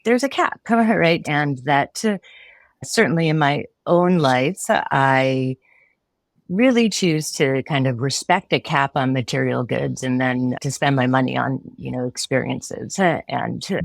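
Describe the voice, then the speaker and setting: Thoughtful and prone to restarts and light laughter, this Connecticut woman in her forties, a philosophy professor, responds to a podcast interviewer's questions. She speaks unhurriedly in a rumbling low voice with vocal fry, captured in a clean studio without echo.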